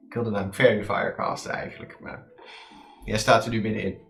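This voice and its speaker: A man's voice: on the low side, flat delivery, fast talker. A man chatting casually as a player at a tabletop game, in a roomy space.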